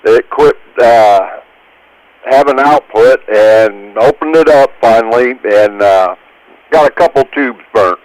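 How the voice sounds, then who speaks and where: An American man checking in on an amateur radio net, chatting casually in an unhurried, hesitant way. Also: medium pitch, a little mellow, dry recording, low-quality recording. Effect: heard over amateur two-meter radio. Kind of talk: casual ham radio chat.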